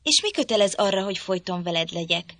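A woman voicing a proud, irritable young lady in an audiobook, speaking in a sharp, commanding, petulant way. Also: mid-range voice, expressive, dry recording, natural voice. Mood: irritated. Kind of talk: audiobook reading.

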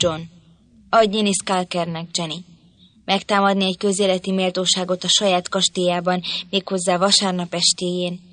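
A woman's voice: on the low side, fairly bright tone, close to an everyday voice. Pompous older squire, indignant, voiced by a woman. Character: pompous older gentleman, manor lord.

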